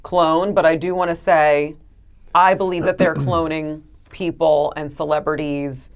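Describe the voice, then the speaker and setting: Casting: low-pitched woman, podcast co-host, earnest and chatty. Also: little pitch movement, measured pace. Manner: chatty, earnest, trails into laughs. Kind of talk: casual chat.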